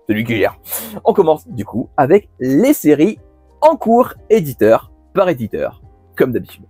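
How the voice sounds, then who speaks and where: A man runs through his monthly manga purchases in a relaxed, chatty way, full of fillers and restarts. His pitch moves around a lot. The sound is dry and close, with faint music underneath. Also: moderate pace, dry recording. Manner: chatty, many fillers and restarts, laughs at himself. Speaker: manga channel host. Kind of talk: casual monthly haul video.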